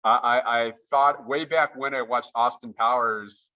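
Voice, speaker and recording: Over a muffled recording, a note investor chats enthusiastically as an interview guest on a video call, frequently starting his sentences over. He has a mid-range voice that sounds pushed and bright, with fairly even intonation and a measured pace.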